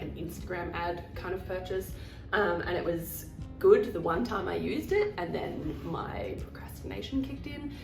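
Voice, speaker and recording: A vlogger with a cold rambles casually about her shopping haul, poking fun at herself as she goes. Her fairly low, gravelly voice sounds nasal, and the rough recording was made on a distant mic in an echoey room.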